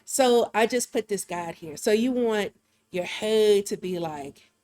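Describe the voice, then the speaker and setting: Hosting a live drawing stream, a woman talks casually and laughs often while thinking aloud. Her voice is medium-pitched and somewhat dark, and she speaks a little slowly.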